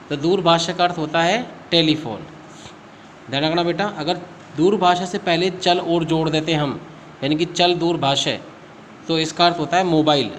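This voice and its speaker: A man's voice: fairly high pitch, fairly bright tone, slight background noise. A male school teacher giving a recorded class lesson, patiently asking questions and answering them himself. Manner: addresses students as beta.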